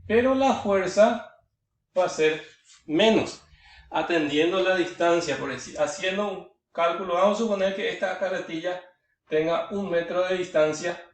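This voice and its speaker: A male teacher explaining physics step by step in a lecture, repeating words as he works through calculations. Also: fairly high pitch. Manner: step-by-step, repeats words while working out sums. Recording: echoey room, voice from far off.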